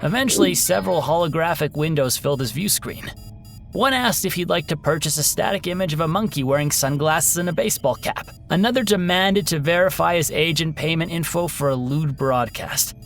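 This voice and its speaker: A male narrator with a slightly higher-than-average voice and a gravelly texture. He tells a scripted sci-fi story and its background in a measured, dramatic way, with music clearly audible under his voice. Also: expressive.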